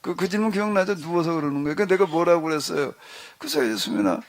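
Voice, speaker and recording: A middle-aged male pastor telling a story to his congregation in a relaxed, conversational way, acting out the dialogue as he goes. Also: sits high, racing. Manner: conversational, animated retelling with quoted dialogue. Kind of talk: storytelling in a church discussion.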